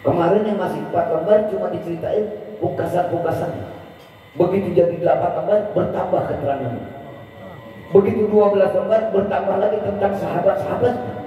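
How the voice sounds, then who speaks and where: A man preaching a storytelling sermon, animated, raising his voice high to act out the characters. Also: brisk, a little hiss or hum. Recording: distant echoey hall, dull sound.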